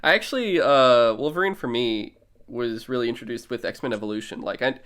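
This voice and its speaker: A man co-hosting a podcast, telling animated stories about comics and sometimes swearing. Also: mid-range voice, a little fast. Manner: animated storyteller, swears, acts out quotes. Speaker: podcast co-host. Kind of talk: casual chat about comics.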